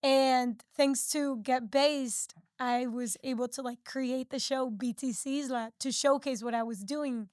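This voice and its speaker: Podcast guest: young woman from Peru and the U.S., bright high voice, loose and chatty, dry close sound. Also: fairly even intonation, measured pace, hardly any pauses, no echo. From Peru and the United States. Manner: chatty, heavy use of filler "like". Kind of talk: casual interview chat.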